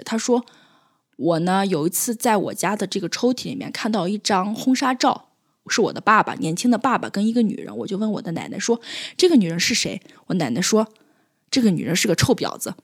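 A woman in her twenties who teaches at a village school recounts moments with her pupils. Her pitch rises and falls widely, and she is openly emotional. She often stops and restarts when words fail her. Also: breathy edge. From Northwest China. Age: 20s. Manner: emotional, animated, halting restarts when upset. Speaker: rural primary school teacher. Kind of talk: personal storytelling interview.

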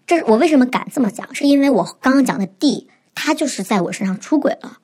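A woman's voice: high-pitched, expressive, fast talker, darkish tone. A woman in her twenties, speaking through a voice-changer, telling her own story frankly and sometimes dropping to a whisper. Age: 20s. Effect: voice-changer disguise. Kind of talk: candid personal storytelling.

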